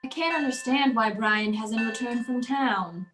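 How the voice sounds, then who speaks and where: A woman's voice: fairly high pitch, measured pace, music in the background, natural voice. A woman playing a polite, weary middle-aged widowed mother in an old-time radio drama. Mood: subdued courtesy.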